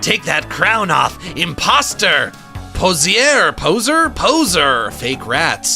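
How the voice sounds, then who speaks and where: A man's voice: a little high, sing-song, takes it slowly, gravelly, pushed and bright, faint music behind, full character voice. A man voicing a jeering horde of rats that spits clipped insults, read aloud from a video game. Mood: taunting. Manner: taunting insults in clipped bursts. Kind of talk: reading game dialogue aloud.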